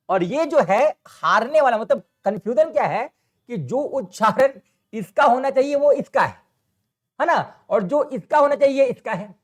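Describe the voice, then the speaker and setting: A man teaching English grammar in a classroom style, often asking a question and answering it himself. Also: sits high. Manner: repetitive, asks and answers own questions. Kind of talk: classroom explanation.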